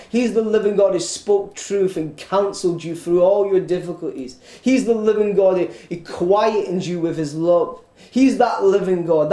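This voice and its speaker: A man's voice: high voice, mellow, echoey room. A man preaching an earnest evening sermon as pastor, repeating phrases and restarting with stammers. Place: church.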